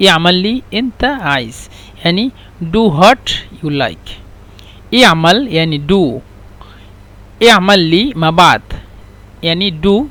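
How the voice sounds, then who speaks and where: High-voiced man teaching Arabic. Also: fairly bright tone. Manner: slow, repetitive explanations mixing Arabic and English. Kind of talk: language lesson.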